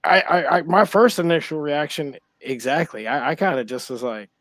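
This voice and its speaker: A man co-hosting a podcast in casual chat, rambling and halting with many restarts and fillers. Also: a little high, fairly bright tone, dry recording. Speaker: podcast co-host.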